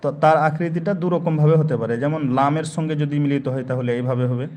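A man's voice: fairly high pitch, darkish tone. Man patiently teaching letter sounds. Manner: slow step-by-step explaining, repeating each letter sound aloud. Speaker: Quran teacher. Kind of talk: live online lesson.

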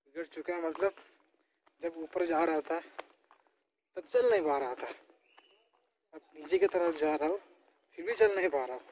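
A man's voice: a little high, moderate pace, pauses often, darkish tone, rough recording. Tired young man vlogging a hike. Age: young adult. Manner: tired, chatty, out of breath on the climb. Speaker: travel vlogger. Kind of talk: casual travel vlog. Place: outdoors on a hill trail. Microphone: phone held at arm's length. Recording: outdoor phone audio with crowd noise.

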